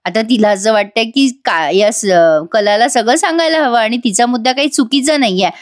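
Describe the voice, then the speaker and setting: A woman's voice: on the high side, moderate pace. A woman narrating a chatty plot recap of a TV serial, addressing the viewers directly.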